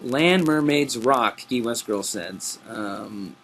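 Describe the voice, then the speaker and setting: A relaxed, chatty middle-aged man hosts a backstage webcast. His voice sits at an ordinary pitch for a man, and he laughs easily between the viewer questions he reads out. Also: slow pace, a little hiss or hum. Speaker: webcast host. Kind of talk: casual backstage chat reading viewer questions.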